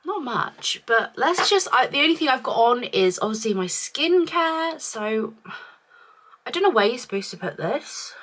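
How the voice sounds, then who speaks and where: A woman's voice: fairly high pitch, very animated, moderate pace, fairly bright tone. A woman vlogger reviewing beauty products in a casual, chatty way, thinking aloud, her voice chesty from a cough. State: chesty from a week-long cough.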